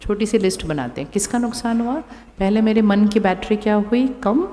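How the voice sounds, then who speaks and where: A woman giving a calm spiritual talk to a live audience. She keeps asking the crowd questions and repeats her phrases. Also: mid-range voice, normal speed, slight background noise. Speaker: spiritual speaker. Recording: long hall reverb.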